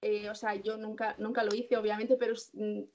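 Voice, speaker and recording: A woman's voice: mid-range voice, little pitch movement, brisk, warm tone. A young woman in her twenties, a resident doctor being interviewed, explaining steps casually with many fillers and self-corrections.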